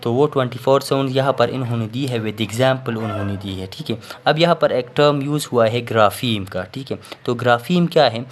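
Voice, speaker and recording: A man teaches a recorded lesson at a middle pitch. He explains step by step, often pausing on filler sounds and checking in with the listener before moving on. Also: a little hiss or hum. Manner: explains patiently, repeats "theek hai" and fillers. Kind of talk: recorded classroom lecture.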